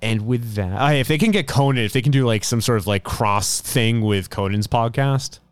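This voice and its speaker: Smooth-voiced man hosting a podcast chat. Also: mid-range voice, normal speed, no room sound, studio quality. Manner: rambling, chatty, restarts sentences. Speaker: podcast host. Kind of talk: casual chat.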